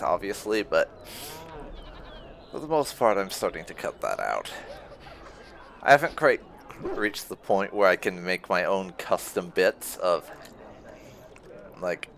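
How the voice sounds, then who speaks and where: A man hosting a let's play gives loose, rambling gameplay commentary in a low-pitched voice with a fairly bright tone. He's informal and swears now and then.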